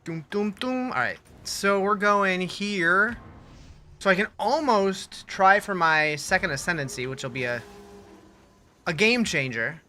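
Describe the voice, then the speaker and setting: Bright-voiced laid-back male streamer. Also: sits high, measured pace, a little hiss or hum. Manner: laid-back, reads chat aloud and greets viewers by name; dry sarcastic asides. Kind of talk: casual gaming stream chat.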